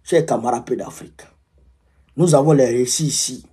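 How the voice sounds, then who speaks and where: A man speaking as a political commentator in a fiery revolutionary-style address, emphatic and repeating his phrases for effect, with a husky voice. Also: medium pitch, moderate pace, mellow.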